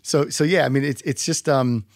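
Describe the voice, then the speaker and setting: A man hosting a casual podcast interview, chatty and quick to agree with his guest. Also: mid-range voice, fairly even intonation, dry recording, studio quality. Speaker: podcast host.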